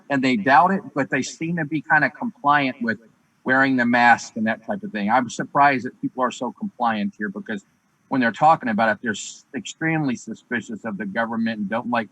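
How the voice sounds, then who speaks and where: A man's voice: mid-range voice, a bit bright, dry recording, low-quality recording. Easygoing man. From Alabama. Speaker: panel guest. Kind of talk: casual debate talk.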